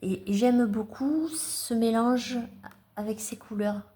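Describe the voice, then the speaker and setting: A woman's voice: a little high, slow, dark tone. A woman chatting at home in a casual vlog, showing her tarot cards, hesitant with many fillers and restarts. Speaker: tarot collector vlogger. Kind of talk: casual show-and-tell vlog.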